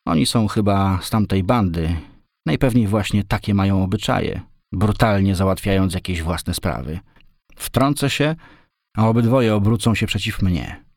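A cautious man with a cane and glasses, musing hesitantly in a storybook, read by the male narrator. His voice is low and deep, and the sound is dry and close. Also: animated, normal speed, a little mellow, no room sound.

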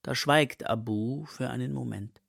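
A man reading a children's story aloud in a slow, expressive way. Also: medium pitch, vocal fry, husky, dry recording, studio quality.

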